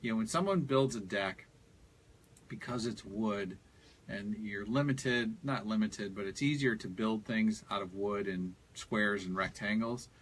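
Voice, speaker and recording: A man's voice: on the low side, measured pace, a bit bright, slightly rough. A man working as a landscape designer, explaining garden design in casual radio talk and often saying "you know".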